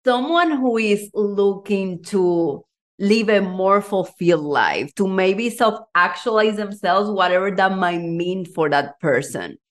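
A woman's voice: mid-range voice, expressive, slow pace. A woman hosting a podcast interview, an emotional and effusive talker who leans on "like" and shares her own coaching story. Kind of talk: casual interview chat.

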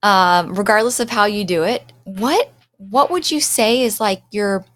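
A woman's voice: mid-range voice, unhurried, soft background music. Woman interviewer, eager and inquisitive, reacts with surprise. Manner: curious, animated questions with exclamations. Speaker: interview host. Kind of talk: interview conversation.

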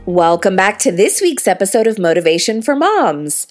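A woman's voice: mid-range voice, sing-song, normal speed, soft background music. A heavily pregnant young adult woman speaking as a podcast host, earnest and encouraging, addressing listeners as friends. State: heavily pregnant, thirty-nine weeks. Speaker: podcast host and life coach. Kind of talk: motivational podcast monologue.

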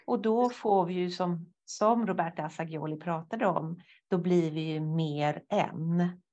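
A woman guest therapist speaking thoughtfully with some hesitations, animated when acting out inner thoughts. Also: fairly low pitch, muffled recording. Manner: thoughtful, hesitant with fillers, lively when quoting inner voices. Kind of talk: conversational interview.

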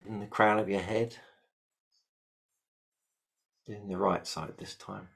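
Man, meditation guide, deep flat voice, calm repetitive instructions. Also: normal speed, creaky. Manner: calm, repetitive step-by-step instructions, often murmuring "beautiful".

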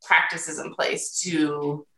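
Woman, bright voice, podcast guest, chatty and expressive, noticeably echoey room. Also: low-pitched, takes it slowly. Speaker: podcast guest, feeding therapy business owner. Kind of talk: casual interview chat. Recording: echoey, roomy sound.

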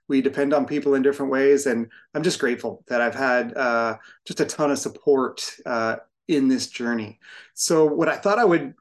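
A man in his fifties, a veteran firefighter appearing as a podcast guest, speaking thoughtfully and earnestly with occasional restarts. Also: on the high side. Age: 50s. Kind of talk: reflective conversation.

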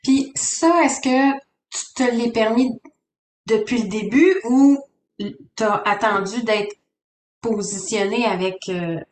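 A woman calling in to a coaching show as a client, answering softly and hesitantly with short replies. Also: on the high side, takes it slowly, reverberant, slight background noise. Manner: soft-spoken, hesitant, brief replies. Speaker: caller and client. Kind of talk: casual call-in chat.

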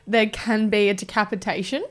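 A woman's voice: medium pitch, steady tone, moderate pace, fairly bright tone. A young woman, co-hosting a podcast in casual, blunt chat and swearing casually. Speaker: podcast co-host.

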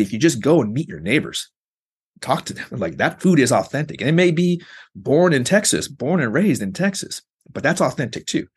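A man's voice: mid-range voice, husky. A man, a researcher guest in an interview, explaining his ideas at length with frequent "like" and "you know". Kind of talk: conversational interview.

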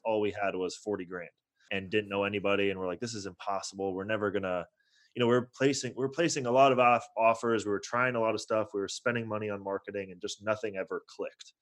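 A man in his twenties, born in Toronto and raised in California's Bay Area, tells his story casually as a podcast guest who invests in real estate. He has a North American accent and talks fast in a steady, lowish voice, informal and slangy and full of "like" and "you know."

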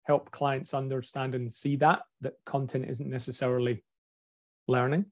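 A man with a broad Scottish accent talking reflectively in a podcast discussion, building his points in measured lists. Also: medium pitch, little pitch movement.

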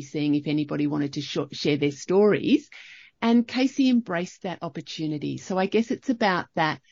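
A woman's voice: lowish voice, darkish tone, no room sound, muffled recording. A woman with an Australian accent hosting a casual podcast chat, effusive and enthusiastic. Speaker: podcast host.

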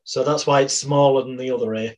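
A man's voice: medium pitch, fairly even intonation, brisk, darkish tone. A British man in his forties, a podcast guest telling life stories in a rambling, wry, anecdotal way. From Britain. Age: 40s. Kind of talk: casual storytelling interview.

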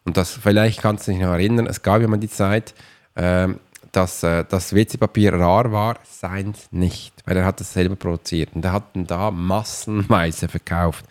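Talking straight to the listener, a man who is a podcast host and coach gives a rambling, chatty motivational monologue. His low-pitched voice is steady in tone and a little mellow, at a moderate pace.

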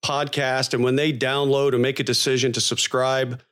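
Medium-pitched man co-hosting a casual podcast. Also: little pitch movement, normal speed, fairly bright tone, smooth. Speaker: podcast co-host. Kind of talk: casual conversational podcast talk.

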